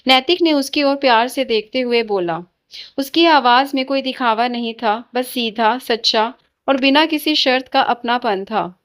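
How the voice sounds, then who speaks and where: A woman reading a scripted emotional story as narrator, steady and measured. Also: on the high side.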